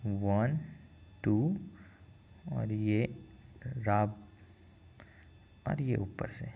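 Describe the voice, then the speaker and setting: Male teacher, slow and gravelly, patient step-by-step delivery, counts strokes aloud. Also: on the low side, dark tone. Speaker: language teacher. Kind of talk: step-by-step writing lesson.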